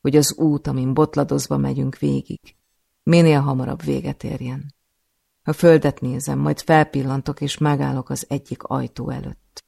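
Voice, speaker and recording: Gravelly man reading somberly. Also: mid-range voice, level tone, warm tone, no room sound, clean studio sound. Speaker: audiobook narrator. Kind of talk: scripted first-person narration.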